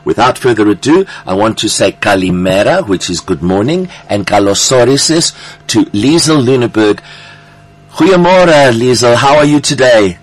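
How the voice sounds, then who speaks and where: A man with a South African Greek accent hosting a radio interview, warmly effusive with lots of encouraging interjections. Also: lowish voice, lively intonation, moderate pace. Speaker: radio host. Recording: radio broadcast.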